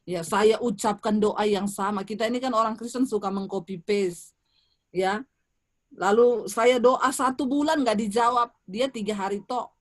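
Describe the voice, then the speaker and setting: At a church service, a woman evangelist preaches and shares her personal testimony, speaking directly to the congregation, whom she calls "saudara," with vivid storytelling. Her voice is medium-pitched at a normal speed.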